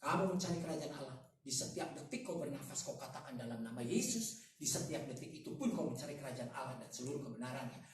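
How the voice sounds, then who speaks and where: Animated preacher in an echoey room. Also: male voice, medium pitch, quick pace, hardly any pauses. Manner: animated, rhetorical questions, slangy asides. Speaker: evangelist preacher. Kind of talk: sermon at a prayer meeting. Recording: echoey room, distant mic, faint noise.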